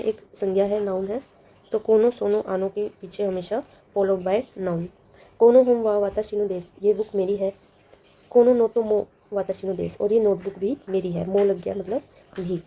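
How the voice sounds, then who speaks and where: A woman's voice: mid-range voice, mellow. A woman teaching a language lesson, patiently explaining and repeating each word with its meaning. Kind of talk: lesson walkthrough.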